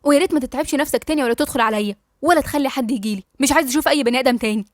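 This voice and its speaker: Egyptian woman doing a mocking angry lady doctor, high fast voice, dry. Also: no echo, close to an everyday voice. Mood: bitter. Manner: sarcastic, defensive. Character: angry bitter female doctor, now a patient.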